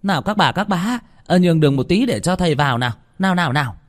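A man's voice: sing-song, fairly quick, warm tone. A man voicing a frightened middle-aged village woman who shrieks in panic. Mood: bustling, loud. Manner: shrill, screaming in panic.

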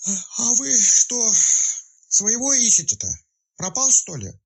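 A grumbling village woman dragged out of bed in the middle of the night, as a male storyteller puts her on, sleepy and cross but eager to talk. Her voice sits well above his own, lively in its rise and fall, with a husky edge. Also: deep voice, brisk, pitched above the performer's own voice, full character voice. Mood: sleepy chatty. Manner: grumbling, then frightened and chatty.

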